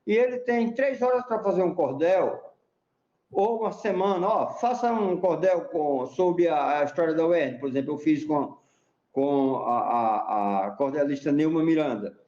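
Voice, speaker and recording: A man's voice: fairly high pitch, expressive, moderate pace, mellow. A middle-aged man, explaining things like a teacher in an interview and often asking "né?". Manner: didactic, chatty, asks rhetorical "né?". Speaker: repentista and teacher, interview guest. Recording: echoey room, dull sound.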